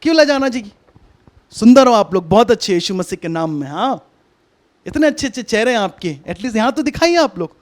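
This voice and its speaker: Brief: male preacher, very high voice, chatty and coaxing, repeats himself, sermon over a video call. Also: very animated, fairly quick. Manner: conversational, coaxing, repeats instructions. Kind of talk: online sermon with a hands-on demonstration.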